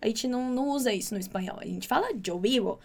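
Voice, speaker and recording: A woman's voice: on the high side, creaky, darkish tone. Upbeat Brazilian woman teaching Spanish. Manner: upbeat, chatty, drills words slowly and repeats them. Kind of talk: casual online language lesson.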